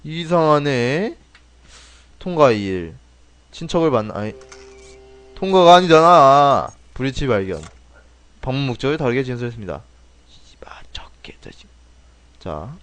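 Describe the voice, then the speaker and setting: A man commentating on a game he is playing, muttering to himself and then bursting into loud swearing and laughter, with some phrasing. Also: medium pitch, big pitch swings, moderate pace, pauses often, clear, resonant tone. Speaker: game streamer. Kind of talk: gameplay commentary.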